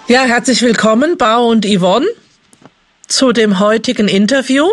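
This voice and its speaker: A woman's voice: fairly high pitch, moderate pace, over music. A woman interviewing a couple for a podcast, asking questions in a friendly, casual way.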